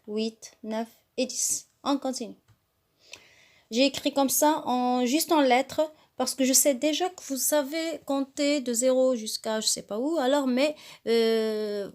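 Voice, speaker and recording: A woman teaching a beginners' class, slow and patient, having pupils repeat words after her. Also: fairly high pitch. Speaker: French teacher. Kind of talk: classroom lesson.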